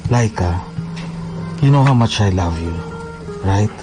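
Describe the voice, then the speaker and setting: A man's voice: on the low side, expressive, takes it slowly. A man playing a jealous, controlling married lover in a radio drama, with music behind him. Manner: controlling, turns sweet and pleading.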